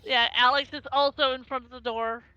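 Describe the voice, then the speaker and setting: A woman's voice: high-pitched, fairly even intonation, fairly quick, bright, forceful tone, smooth, no room sound, highs cut off. A woman narrating a tabletop role-playing game as its game master.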